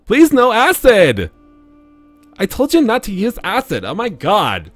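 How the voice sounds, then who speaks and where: A man voicing a flustered, apologetic, ditzy young woman in an exaggerated valley girl manner, reading out game dialogue in a high girlish voice. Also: huge pitch swings, a little slow, faint music behind, full character voice. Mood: indignant. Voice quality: high-pitched put-on girlish voice. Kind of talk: mock voice-acting of game text.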